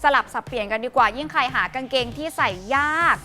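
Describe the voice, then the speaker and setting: A woman giving a fast, hype live home-shopping pitch in a polite, emphatic, persuasive way. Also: sharp tone, faint music behind.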